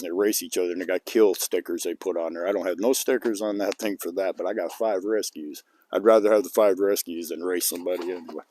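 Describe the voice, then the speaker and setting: An older man who vlogs outdoors rambles through a homespun story on camera, chuckling now and then. His voice sits on the low side, and the recording was made outside on a cold, calm day.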